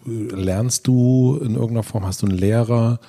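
A man's voice: mid-range voice, steady tone, moderate pace, mellow. A man interviewing casually, asking easygoing, probing questions.

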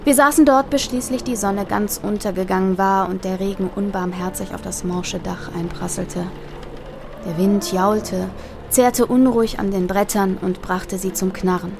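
A woman's voice: mid-range voice, steady tone, moderate pace, vocal fry, noisy background. A woman reading a scripted horror story aloud, her voice tightening and rising as the tension builds. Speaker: narrator.

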